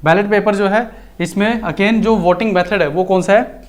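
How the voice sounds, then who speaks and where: A man's voice: sits high, fairly even intonation, moderate pace. A male teacher lecturing in a chatty, explanatory way, slipping terms into his talk. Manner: chatty, explanatory, mixes Hindi with English terms. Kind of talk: recorded exam-prep lecture.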